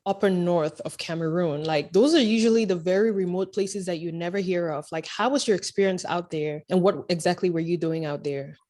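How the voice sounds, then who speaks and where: A woman's voice: fairly low pitch, a little fast, hardly any pauses, a little mellow. Earnest woman podcast host. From Africa. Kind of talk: podcast interview and scripted intro.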